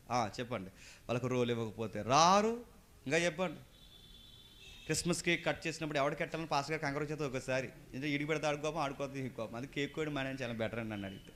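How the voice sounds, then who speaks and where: A man with a Coastal Andhra Telugu accent preaching a sermon, firing rhetorical questions at the congregation and swinging between quiet asides and loud emphatic bursts. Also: mid-range voice.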